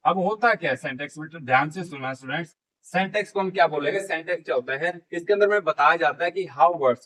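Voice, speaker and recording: A man teaching a grammar lesson, explaining in Hindi mixed with terms and speaking. He asks and answers his own questions and slowly dictates key phrases word by word. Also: on the high side, a bit bright, low-quality recording.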